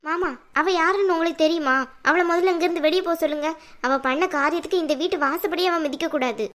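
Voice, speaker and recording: A woman voicing sharp-tongued sister Malar, very high. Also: fairly even intonation, fast. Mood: insistent. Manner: sharp, insistent, pleading with her father-in-law. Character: young woman Malar, hostile elder sister. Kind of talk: cartoon voice acting.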